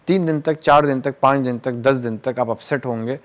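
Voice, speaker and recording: A man, a psychiatrist guest who explains through everyday examples and mixes English terms into his talk. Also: medium pitch.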